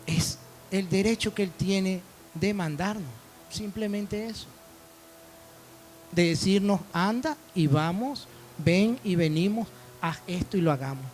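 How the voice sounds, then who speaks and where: A man's voice: high-pitched, a little slow, a little mellow, faint music behind. A man preaching a sermon as pastor, telling stories and acting out dialogue. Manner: storytelling preacher, quoting dialogue.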